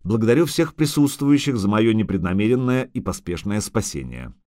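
A man's voice: on the low side, expressive, brisk, warm tone, no echo, studio quality, natural voice. A man voicing a cold, sarcastic male monster hunter who speaks with formal, bitter irony. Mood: coldly mocking.

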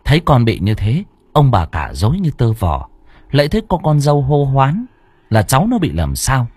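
A man narrating a ghost story in an expressive, dramatic way. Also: mid-range voice, moderate pace, breathy edge, dry recording. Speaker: audiobook narrator.

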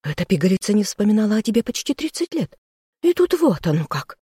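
An audiobook reader voicing a furious, spiteful noblewoman, the king's sister, who scolds in sharp outbursts. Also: very animated, slightly rough, no echo, clean studio sound. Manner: shrill, scolding, quick outbursts. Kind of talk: audiobook role reading.

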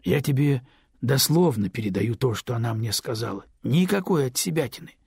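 A man reading an audiobook, voicing a downcast man in a low, measured and muffled tone. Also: animated, a little mellow, no room sound, studio quality, heavily acted. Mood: subdued. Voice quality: husky, gravelly. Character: man, old friend, downcast and restrained.

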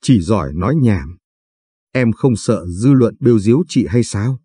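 A man voicing a shy, flustered young woman in her twenties in an audio story, scolding her brother, with a dark, husky voice. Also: on the low side, lively intonation, a little slow, no room sound, clean studio sound.

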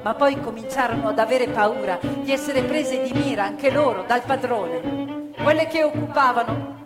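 Speaking at a normal speed with a voice that sits high, a theatre narrator recounts a play about factory workers, her impassioned delivery drifting into song. It's a live stage show recorded on a theatre stage, full of long reverb and music.

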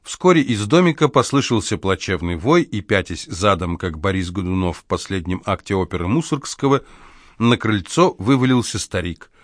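A man narrating a novel in an even, measured storytelling manner. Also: low voice, no room sound, studio quality. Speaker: audiobook narrator. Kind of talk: scripted narration.

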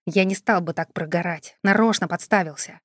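Woman voicing a hushed scheming jailed man. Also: normal speed, no echo, clean studio sound, close to an everyday voice. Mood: hushed urgent. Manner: low hushed murmur.

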